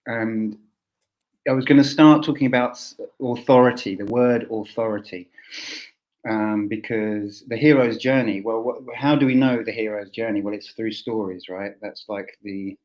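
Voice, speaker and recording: Male roundtable host, southern English, lowish voice, halting thinking-aloud delivery. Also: steady tone, darkish tone, rough recording. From Essex, England. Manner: hesitant, thinking aloud, rephrasing often. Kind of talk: informal roundtable presenting.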